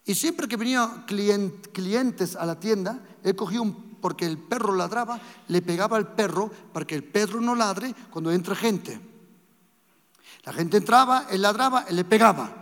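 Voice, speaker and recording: Loud, lively preacher in a big hall. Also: male voice, sits high. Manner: loud, emphatic storytelling to a congregation. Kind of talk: sermon. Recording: long reverb of a large hall.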